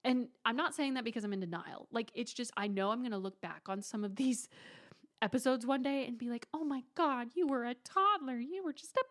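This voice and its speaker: Twenty-something girl doing her own podcast, kinda high voice, super dramatic and bubbly, whispers jokey asides. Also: fairly quick, a bit bright. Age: 20s. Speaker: podcast host. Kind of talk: casual solo podcast chat.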